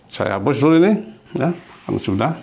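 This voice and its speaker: A man teaching a Spanish lesson in a classroom. He explains slowly and patiently and repeats each example. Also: mid-range voice, animated, vocal fry, dark tone, slight background noise.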